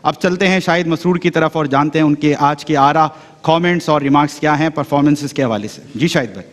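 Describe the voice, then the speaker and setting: A man's voice: fairly high pitch, fairly quick. A man hosting a TV show, announcing segments formally and acknowledging judges briefly. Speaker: host. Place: TV studio. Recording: reverberant studio hall.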